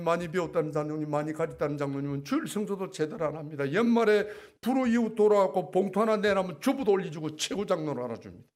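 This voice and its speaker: Emphatic church elder testifying. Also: male voice, fairly high pitch. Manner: emphatic, swings between loud outbursts and hushed asides, acts out his own prayers. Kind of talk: testimony sermon. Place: church sanctuary.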